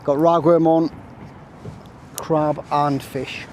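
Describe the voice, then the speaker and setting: A man's voice: a little high, flat delivery, extremely slow, a little mellow, slight background noise. Chatty man, riverbank fishing vlog. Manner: chatty, jokey, self-mocking asides. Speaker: angling vlogger. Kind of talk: casual chat to camera while fishing. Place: outdoors on a windy riverbank. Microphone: camera on a stand, at times stepping away.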